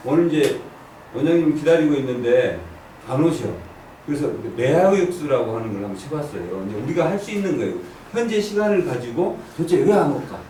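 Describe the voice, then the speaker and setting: A man's voice: mid-range voice, warm tone, a little hiss or hum. A man teaching an I Ching class, quizzing the students and drilling the readings aloud. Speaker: I Ching lecturer. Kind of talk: classroom lecture. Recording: echoey room, from far off.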